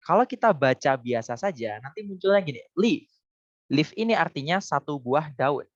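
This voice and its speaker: A woman's voice: sits low, expressive, a little fast, dry recording, dull audio. A woman with an Indonesian accent teaching an online English lesson, patient and encouraging, switching between Indonesian and English. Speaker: English coach.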